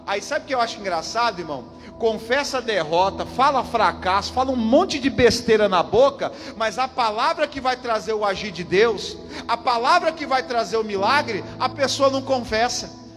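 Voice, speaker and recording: A high-pitched Brazilian man preaches fervently, repeating his points and calling out to the congregation. The recording carries the long reverb of a church hall, with music playing clearly behind him. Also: animated, moderate pace, fairly bright tone. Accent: Brazilian Portuguese. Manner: emphatic, repeats lines, calls out to the congregation. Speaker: pastor. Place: church service.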